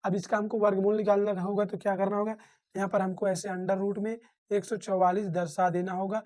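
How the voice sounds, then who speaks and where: Tutorial teacher, mid pitch, walks through each step slowly, keeps checking in with "friends.". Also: little pitch movement, a little mellow. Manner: calls listeners "friends" often, asks and answers own questions; repeats and rephrases steps. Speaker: math teacher. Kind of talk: step-by-step math lesson.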